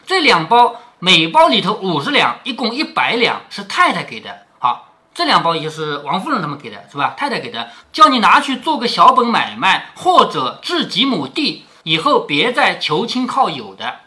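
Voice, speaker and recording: Lively, bright-voiced father explaining a story. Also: sits high, moderate pace. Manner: chatty explaining, frequent tag questions. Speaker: father reading aloud to his daughter.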